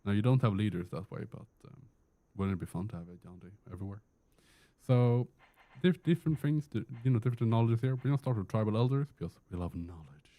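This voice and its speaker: A Swedish-accented man from Sweden streams gameplay live from an indoor room with a door, joking and responding to questions from chat. His fairly low voice is mellow, quick-paced, and lively in intonation.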